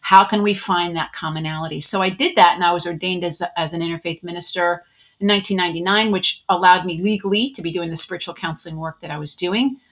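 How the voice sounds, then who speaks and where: A woman's voice: on the low side, fairly even intonation, fast, fairly bright tone. A middle-aged woman, a spiritual energy worker, telling her life story in a casual interview and acting out her own past thoughts.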